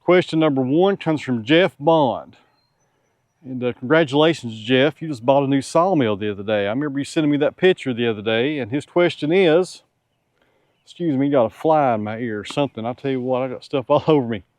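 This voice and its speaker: A man's voice: medium pitch, fairly quick, a little mellow, no echo. Tired sawmill man, folksy and frank, mid-range voice, dry sound. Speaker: sawmill owner and channel host. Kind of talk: casual Q&A with viewers. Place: outdoors on a farm.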